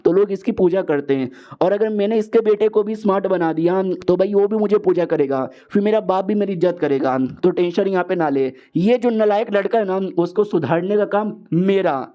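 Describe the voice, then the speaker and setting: A man's voice: sits high, dull audio. A man narrating a manga recap in a chatty, slangy storytelling style, acting out the characters' lines as he goes.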